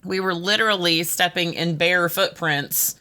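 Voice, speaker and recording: Bright-voiced woman, teasing and laughing. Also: on the low side, normal speed. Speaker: podcast co-host. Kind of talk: casual chat.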